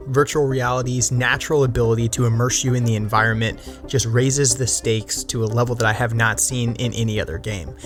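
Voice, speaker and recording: Male narrator, mid-pitched voice, scripted game review, emphatic, direct to viewer, faint music. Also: steady tone, brisk, few pauses. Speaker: gaming video host.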